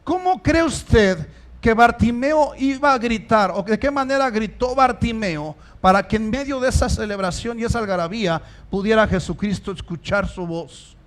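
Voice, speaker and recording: High-voiced pastor preaching. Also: male voice, moderate pace. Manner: rhetorical questions to the congregation; emphatic, rising to loud stresses. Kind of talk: sermon. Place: church.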